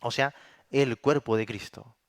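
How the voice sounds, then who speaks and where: A man's voice: medium pitch, a little slow, dry recording, studio quality. A man, a pastor, teaching a Bible sermon in a plain, explanatory way, often asking rhetorical questions. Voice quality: says he suffers from a throat condition.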